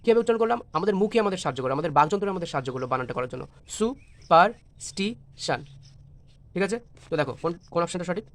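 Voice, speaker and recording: A man's voice: on the high side, animated, rapid-fire. A man with a Bengali accent teaching an exam-prep English lesson, spelling words letter by letter and mixing Bengali with English.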